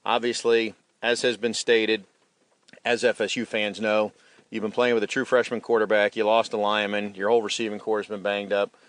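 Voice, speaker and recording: A man's voice: fairly low pitch, level tone, fairly quick, fairly bright tone, dry recording. A man hosting a sports talk show, chatting about a football game and reading sponsor spots in a conversational way. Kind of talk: sports radio talk and live ad reads.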